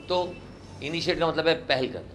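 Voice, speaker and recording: A man's voice: a little high, normal speed, slight background noise. A man teaching a spoken English class, quizzing students and having them repeat words. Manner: animated, asks the class questions and has them repeat words.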